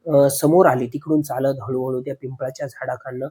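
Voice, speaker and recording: A man narrating a spoken horror story, addressing listeners as friends, with dramatic pauses. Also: mid-range voice, level tone, warm tone, slightly rough.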